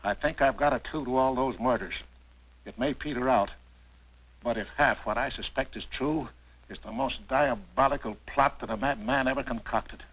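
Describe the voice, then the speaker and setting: Brisk, authoritative 1940s film businessman. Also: medium pitch, fairly bright tone, poor audio. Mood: urgent. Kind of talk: 1940s horror film acting.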